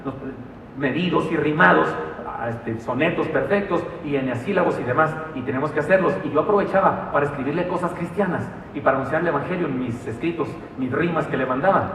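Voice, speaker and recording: A man preaching a sermon in a church, animated and telling stories with humor and asides. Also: fairly high pitch, a little fast, recorded from a distance, a little hiss or hum. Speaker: pastor. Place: church sanctuary. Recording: echoey hall, mic from afar.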